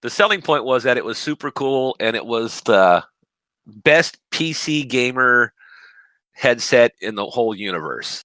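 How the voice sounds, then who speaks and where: A man on a gaming podcast panel, speaking through a gaming headset with deadpan jokes. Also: medium pitch, a little slow, no room sound. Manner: deadpan, joking. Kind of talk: casual gaming podcast chat. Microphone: new gaming headset.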